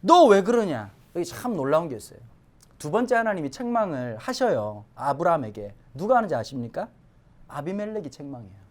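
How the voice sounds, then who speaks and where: A male pastor giving a Sunday sermon in a lively, conversational way with joking asides. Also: a little high, brisk.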